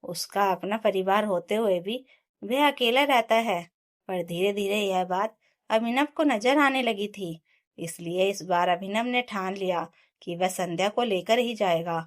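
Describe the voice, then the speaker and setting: Woman reading a family story out loud, calm expressive narration. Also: mid-range voice.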